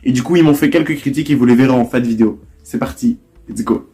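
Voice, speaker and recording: Talking fast in a mellow, medium-pitched voice, a young man repeats language-app phrases over and over as he tries them out for a casual vlog. The jokes are playful and at his own expense, and the echoey room has faint music behind him.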